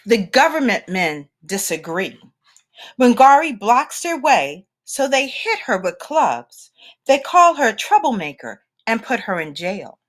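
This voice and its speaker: In a voice on the higher side, a woman shares a children's picture book aloud. She reads in a deliberate, animated storytelling style marked by dramatic pauses.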